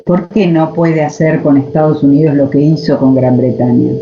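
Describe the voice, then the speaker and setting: A woman's voice: low-pitched, moderate pace. A woman with an Argentine accent teaching a history class over a video call, lecturing and posing rhetorical questions to her students. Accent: Argentine Spanish. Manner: lecturing, asks rhetorical questions, frequent "este" fillers. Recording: muffled online call audio, faint noise.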